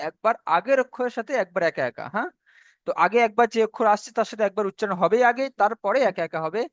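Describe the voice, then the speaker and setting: An online tajweed lesson: a man with a fairly high voice walks students through the rules of Quran recitation one step at a time, reciting the words slowly and at length so they can be copied. The sound is dry and close-up, with no room echo.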